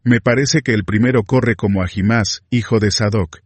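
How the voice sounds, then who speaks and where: A watchful sentinel with a low, husky voice, read by a man telling the story. He reports plainly. The recording is dry. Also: fairly even intonation, moderate pace, dry recording. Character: watchful male city sentinel.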